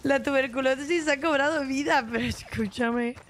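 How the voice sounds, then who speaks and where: A woman, streaming a game with casual, animated commentary, full of exclamations and laughter. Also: high voice, moderate pace, soft background music.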